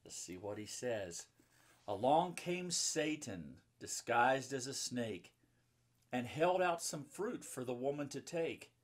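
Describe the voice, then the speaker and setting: A pastor in his fifties, also a children's book author, reads a story for kids and breaks off into chatty, simple explanations. His mid-range voice moves slowly with lively intonation. He is indoors in a book-lined room, at home or in an office.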